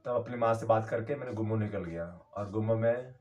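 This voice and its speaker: A man's voice: on the low side, a little mellow, lo-fi sound. Rambling man telling a story from far off. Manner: rambling, halting, many fillers and restarts. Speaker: YouTuber. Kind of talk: casual first-person storytelling.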